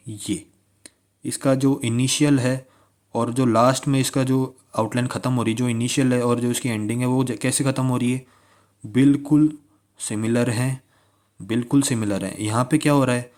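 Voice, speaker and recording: A man's voice: mid-range voice, moderate pace, a little mellow. A man teaching shorthand strokes, repeating key words and asking listeners to pronounce along. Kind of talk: classroom-style tutorial.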